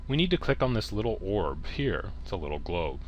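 Speaking fast and with lots of animation in a lowish voice, this man walks the viewer through software one step at a time in plain instructional language. The audio sounds dull, with slight background noise.

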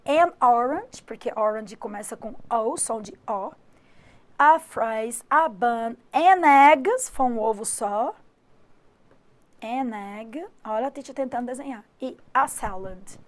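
A woman's voice: a little high, takes it slowly. A Brazilian woman teaching an English grammar lesson online, explaining step by step and checking in with frequent tag questions. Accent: Brazilian Portuguese. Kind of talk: online exam-prep lesson.

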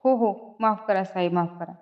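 A woman's voice: medium pitch, fairly even intonation, normal speed, natural voice. A woman reading the part of a nervous older man who hurriedly denies things and keeps apologising, on a dull lo-fi recording. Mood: nervous apology. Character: flustered older man, a householder.

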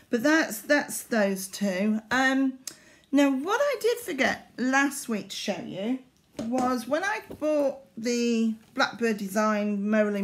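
A middle-aged woman, chatting casually to camera in a hesitant, rambling way, recorded at arm's length in a living room. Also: medium pitch. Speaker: needlework vlogger. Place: small living room indoors.

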